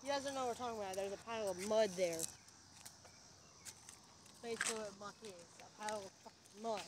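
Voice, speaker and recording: A woman's voice: medium pitch, quick pace, background noise. A young woman chatting outdoors with a friend, blunt, sarcastic and swearing freely. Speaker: friend playing along. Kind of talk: casual chat while walking.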